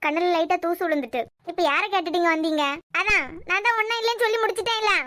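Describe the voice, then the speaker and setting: A woman's voice: very high voice, fast talker. A woman with a Kanyakumari Tamil accent voicing a stubborn, sulky young heroine in a cartoon, snapping back defiantly. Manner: sharp, defiant retorts. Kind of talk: cartoon voice acting.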